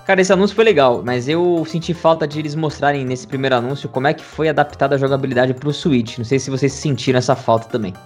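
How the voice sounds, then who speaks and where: A man's voice: mid-range voice, fast, few pauses, soft background music. A man with a Brazilian Portuguese accent presenting a podcast casually as its host.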